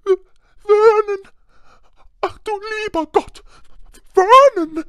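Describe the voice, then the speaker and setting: A man voicing a shrill, fearful middle-aged aunt with a trembling, frantic manner, in an audiobook. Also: animated, drawn-out words, pushed and bright, no room sound, clean studio sound, heavily acted. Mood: shrieking. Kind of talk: audiobook character voice.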